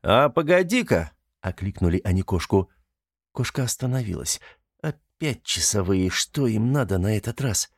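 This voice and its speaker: Deep-voiced man narrating an audiobook. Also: vocal fry, breathy edge, no room sound, studio quality. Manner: measured, storytelling.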